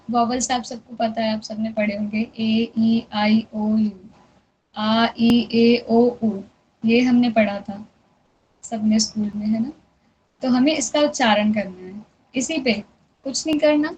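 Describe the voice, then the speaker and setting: A young woman teaching a singing lesson, patiently checking that students follow and drawing out syllables to demonstrate. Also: on the high side. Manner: patient, checks understanding often. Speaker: music teacher. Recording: dull lo-fi sound with faint noise.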